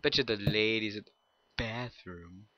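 A young man giving let's play commentary on a horror game, excitable, jumping from mutters to shouts and creepy whispers. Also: lowish voice, unhurried, muffled recording, slight background noise. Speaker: gameplay commentator.

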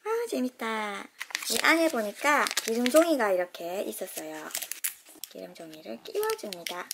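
A toy unboxing channel host narrates for children in a fairly high, sing-song voice with some vocal fry, at a normal speed. She gushes with delighted exclamations and explains each step in a kid-friendly way, with background noise in the recording.

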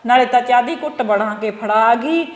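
A woman's voice: on the high side, moderate pace, reverberant, long reverb tail, lightly acted. An actress playing a wronged older mother-in-law who laments and sighs, with a Punjabi accent. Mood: aggrieved. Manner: lamenting, sighing complaints.

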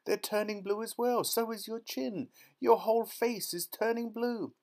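A panicky, bossy storybook mother, performed by a male reader. The voice is pushed high and shrill, crying out in frantic, outraged exclamations. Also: normal speed, darkish tone. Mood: panicked. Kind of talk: dramatised children's storybook reading.

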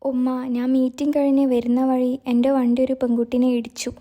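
Anxious, apologetic young man, read by a woman narrator; high, mellow tone. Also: monotone, moderate pace, muffled recording. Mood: earnest. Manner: apologetic, earnest pleading. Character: young man, anxious but kind driver.

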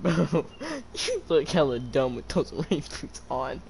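Slow-talking young guy gaming. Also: on the high side, vocal fry, a little mellow, a little hiss or hum. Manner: slangy, profane, laughing often. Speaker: gaming vlogger. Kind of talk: casual gaming banter.

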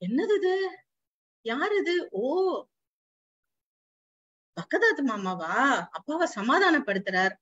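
A worried male dog recounts the family's turmoil in a high, fretful voice, as a woman storyteller puts him on. He keeps crying out in alarm, speaking in the homely speech of a traditional household. The recording is slightly dull and lo-fi. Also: very animated, slow, pauses often, a bit bright, breathy edge, full character voice. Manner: fretful exclamations, Brahmin Tamil household speech. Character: male household dog narrating, anxious and watchful.

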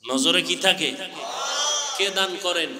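A Bangladeshi man preaching an Islamic sermon to a congregation, putting rhetorical questions and moving into melodic, drawn-out chant. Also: fairly high pitch, over a noisy crowd, heavy background noise. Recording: echoey PA with long reverb.

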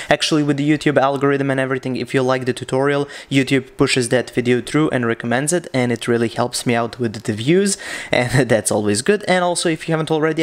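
A young man from Serbia, chatty and casual with frequent fillers, teaching a screen-recorded software tutorial into a studio mic in a small room. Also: mid-range voice. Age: young adult. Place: small dim room with shutter behind. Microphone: studio condenser mic on boom arm.

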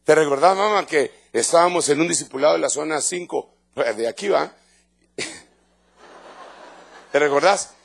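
Gravelly, high-voiced Guatemalan preacher. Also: male voice, unhurried, long pauses. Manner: emphatic, conversational preaching to the congregation; repeats words and restarts phrases. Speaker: pastor. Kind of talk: evangelical sermon. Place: church in front of a congregation.

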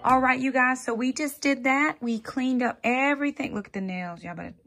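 Speaking fairly quickly in a high, creaky voice with music playing behind her, a woman in her forties vlogs from her home's walk-in closet. She's upbeat and casual with the camera and uses y'all.

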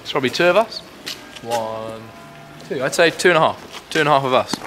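A young English man co-hosting a comic tour, adding quick agreeing asides and dry jokes. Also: mid-range voice, lively intonation. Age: young adult. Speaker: student co-host. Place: large echoing dining hall and stone cloisters.

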